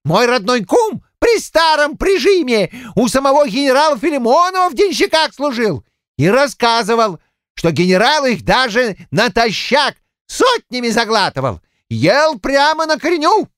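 A male audiobook narrator voicing a boastful, shifty old Cossack cook in a shrill, indignant, rambling folksy voice. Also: big pitch swings, normal speed, a bit bright, no echo, clean studio sound, heavily acted. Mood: blustering. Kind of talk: audiobook character voice.

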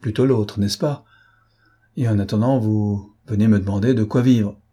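A man's voice: fairly low pitch, fairly even intonation, moderate pace, warm tone, slightly rough. A man voicing Prince Cernine, cold and scornful. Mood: haughty. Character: haughty, mocking rich male prince, cold schemer. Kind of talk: audiobook character voice.

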